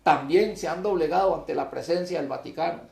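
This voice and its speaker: A man preaching a sermon, his voice high, gravelly and mellow in tone. He speaks emphatically and swells into loud declamation when he reads scripture. The room around him is echoey. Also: a little fast.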